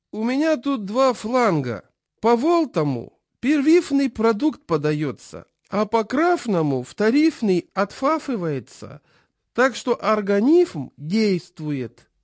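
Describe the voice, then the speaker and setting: A man voicing a decrepit, senile old male chairman who lisps and mumbles slowly. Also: high voice, sing-song, no echo, clean studio sound, voice pushed up, heavily acted. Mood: mumbling. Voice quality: lisping, mumbling. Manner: slow, drawling.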